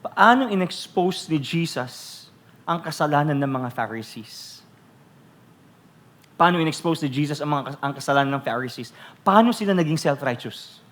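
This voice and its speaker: A Filipino man preaching a sermon as pastor, teasing the congregation with rhetorical questions and loudly acting out quoted voices. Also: a little high, expressive, fairly quick. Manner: switches between Tagalog and English, acts out quoted voices loudly.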